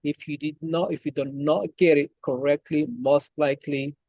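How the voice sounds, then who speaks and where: A man's voice: on the high side, level tone, moderate pace, a little mellow, no room sound, dull audio. A man from Morocco giving a webinar talk from a coffee shop over an online call, with many fillers and restarts. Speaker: guest speaker. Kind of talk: webinar presentation.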